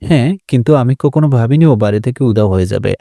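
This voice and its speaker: Scared young wife, pleading, voiced by a male narrator; dark, dry sound. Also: medium pitch, lively intonation, fast, creaky, no echo. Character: young wife, frightened and tearful.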